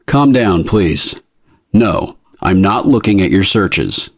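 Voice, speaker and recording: A man voicing a skinny older male border interrogator with a squeaky, prim way of asking questions. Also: sing-song, slow, dry recording, studio quality, full character voice. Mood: probing. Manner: prim, coolly persistent questioning.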